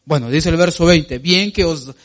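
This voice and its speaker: A man preaching a sermon, addressing the congregation as brothers and reading scripture slowly and emphatically. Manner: rises sharply in pitch on emphatic points.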